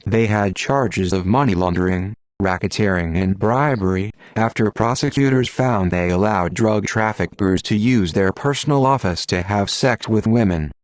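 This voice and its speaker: A man with a fairly low voice delivers a scripted activist message. He addresses his audience formally, in a solemn and declamatory warning manner. The sound is very dry, with no room around the voice. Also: normal speed, hardly any pauses, dry recording. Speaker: activist spokesperson.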